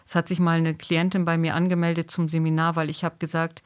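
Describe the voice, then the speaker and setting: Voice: mid-range voice, monotone, quick pace, clean tone. Guest coach, reflective and affirming, mid-range voice, easy conversation. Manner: reflective, affirming, frequent "genau". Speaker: dog trainer and coach. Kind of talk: casual conversational interview.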